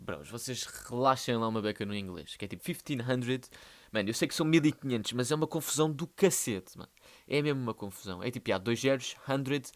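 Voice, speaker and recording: A young man with a European Portuguese accent, hosting a solo podcast in a rambling, slangy, playful way. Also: fairly low pitch. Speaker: podcast host. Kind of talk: casual solo podcast monologue.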